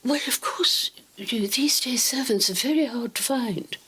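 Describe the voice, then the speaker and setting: A woman's voice: fairly high pitch, moderate pace, a bit bright, breathy edge. An actress playing a dry, witty aristocratic grandmother, older. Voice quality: dry, arch.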